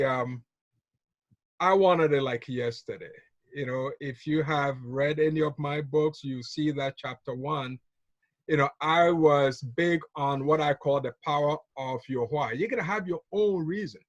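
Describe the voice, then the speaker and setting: A man's voice: on the high side, dry recording, dull audio. A man from Ghana giving a motivational business talk on a call, telling stories, repeating key phrases and chuckling often. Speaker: business trainer.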